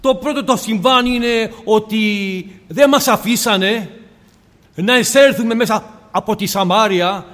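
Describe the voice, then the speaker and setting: A man's voice: high voice, a bit bright, in a large hall. A man preaching a sermon with impassioned rhetorical questions, addressing his listeners as brothers and sisters.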